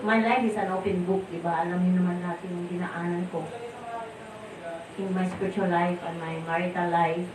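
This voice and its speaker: A middle-aged woman with a Filipino accent, a disciple sharing rambling memories at a temple gathering, often searching for words. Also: fairly low pitch. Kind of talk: informal remembrance talk, Taglish. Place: temple hall. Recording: roomy, distant mic, faint noise.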